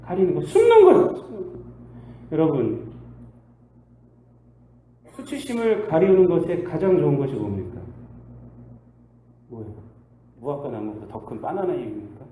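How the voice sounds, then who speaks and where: A male pastor delivers a sermon in a warm, mellow voice that rises and falls in lively swoops. He keeps posing rhetorical questions, jumping from loud bursts to hushed asides. The recording carries the echo of a church sanctuary with a faint hiss. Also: a little high, moderate pace, pauses often.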